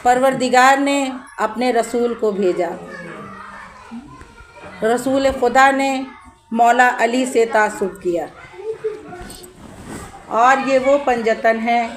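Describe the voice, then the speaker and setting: During a live Shia majlis with congregation crowd noise, a woman orator delivers a religious sermon in a declamatory style, leaning on rhetorical questions and repeated phrases. Her voice is on the high side, her pace slow with long pauses, and the recording is rough.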